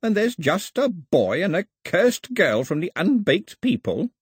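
Man voicing an old priest, croaky, pompous, wailing, husky, swooping pitch. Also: huge pitch swings, measured pace, dry recording, studio quality, heavily acted. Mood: querulous. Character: frail, bewildered old male island priest.

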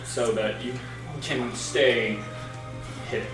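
A woman's voice: very deep voice, steady tone, slow. A woman running a tabletop role-playing game as game master, narrating informally and acting out little exclamations. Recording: echoey room, distant mic, music.

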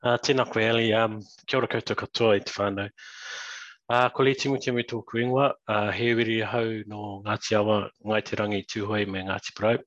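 Low, even Māori-accented New Zealand man. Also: a little fast, no echo. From New Zealand, Eastern Bay of Plenty. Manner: mixes Māori words and greetings into speech. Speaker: panel guest in Māori digital technology. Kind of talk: conversational panel introduction. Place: virtual meeting, dry sound. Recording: slightly dull, lo-fi call audio.

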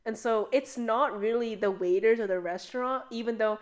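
A woman's voice: on the high side, normal speed. A young woman co-hosting a podcast in casual chat, talking animatedly with lots of filler "like". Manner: chatty, heavy use of "like", animated storytelling. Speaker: podcast co-host.

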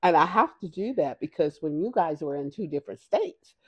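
An older woman telling a story in a recorded interview, blunt and profane in an animated way. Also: low-pitched, a little fast, breathy edge, no echo. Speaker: mother of the hosts.

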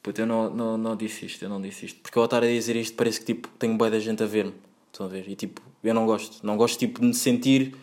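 A man's voice: fairly low pitch, fairly even intonation, very fast, a little mellow. A young man with a European Portuguese accent telling a casual storytime, rambling, slang-heavy and full of self-corrections and fillers. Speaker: vlogger.

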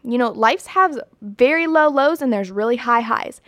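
A woman's voice: on the high side, lively intonation, normal speed, a bit bright, dry recording. A young woman vlogging in a casual, opinionated way, blunt and emphatic, with lots of "like" and "you know". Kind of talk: casual talk to camera.

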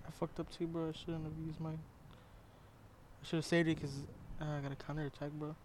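A man's voice: a little high, level tone, a little fast, a little mellow, slight background noise. A young man chatting casually over a game in frat-bro slang, peppered with "bro", "dude" and swearing. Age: young adult. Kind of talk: casual chat while gaming.

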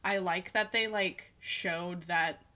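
A woman's voice: on the low side, fairly even intonation, slow, sharp tone. A woman co-hosting a casual podcast, rambling and hesitant, with many "like"s. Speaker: podcast co-host. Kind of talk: casual chat about a TV show.

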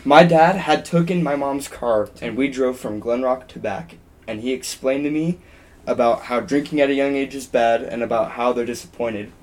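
A man's voice: mid-range voice, normal speed, darkish tone. Young male co-host, casual rambling storyteller, mid-range voice. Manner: rambling, with frequent ums and restarts. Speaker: podcast co-host.

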